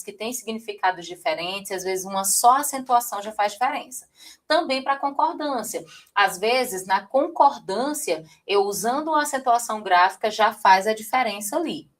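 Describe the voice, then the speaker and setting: A woman from Brazil teaching a live online writing class, talking straight to her viewers and often checking in with them. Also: medium pitch. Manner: lively, addresses viewers directly, frequent "tá?" check-ins.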